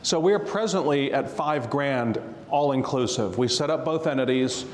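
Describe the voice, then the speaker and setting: Expressive and mid-range at a moderate pace, a man who works as a real estate tax attorney entertains a live crowd with stories and tax explanations. He's a jokey storyteller who laughs a lot, and the hall adds roomy reverb.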